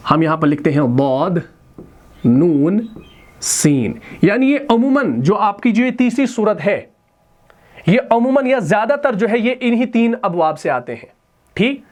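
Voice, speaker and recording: A man teaching Quran grammar in a classroom style, often putting a question to the class and then answering it himself. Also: high-pitched. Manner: repeats key terms as questions to the students. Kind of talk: classroom lesson.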